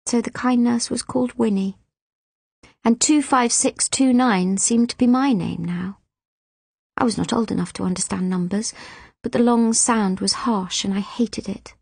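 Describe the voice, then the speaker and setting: A woman narrates a children's novel in the first person with expressive, emotive storytelling. Her voice is fairly high and husky with a gravelly edge, recorded close and dry. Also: normal speed, no room sound. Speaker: audiobook reader.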